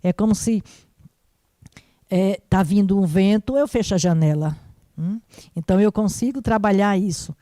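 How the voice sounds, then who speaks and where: A woman in her fifties speaks as a mental health professional during a live Q&A. She talks in a conversational, reassuring way and often checks in with her listeners. Her voice is mellow and the recording is dry. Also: mid-range voice, moderate pace, pauses often, dry recording. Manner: warm, conversational, repeats "né?" and "certo?". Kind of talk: live-stream Q&A answer.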